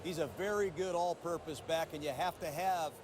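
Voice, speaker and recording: A man's voice: a little high, fairly even intonation, normal speed, background noise. A man giving live football commentary as an analyst.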